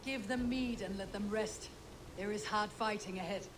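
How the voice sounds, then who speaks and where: A woman playing a steady Viking warrior chieftain in a video game, speaking in a measured, commanding way. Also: mid-range voice, close to an everyday voice. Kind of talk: video game dramatic acting. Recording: loud wind and game ambience.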